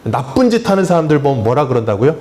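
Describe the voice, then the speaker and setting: Lively, questioning male preacher. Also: mid-range voice, fast talker. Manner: asks the congregation rhetorical questions and answers them himself; conversational, plain-spoken preaching with touches of humor. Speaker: pastor. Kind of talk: sermon. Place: church sanctuary.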